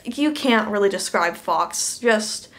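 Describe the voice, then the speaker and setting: A woman's voice: medium pitch, expressive, takes it slowly, a bit bright. A young woman reviewing a bad movie in a comedic rant, sarcastic and laughing between lines.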